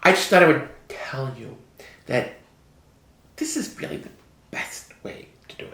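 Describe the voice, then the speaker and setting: A man doing a Valley Girl voice, soft and half-whispered, drawling with many likes. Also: on the high side, huge pitch swings, measured pace, vocal fry, full character voice. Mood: breathy condescending. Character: Valley Girl, young woman. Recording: roomy echo.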